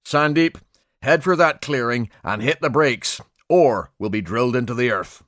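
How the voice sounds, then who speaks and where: An irritable spaceship captain who snaps reproachfully and barks orders, from an audiobook, voiced by its male narrator. The delivery is dry and close, with lively rises in pitch. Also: moderate pace, dry recording, lightly acted. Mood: commanding. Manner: snapping, barked orders. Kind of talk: audiobook character voice.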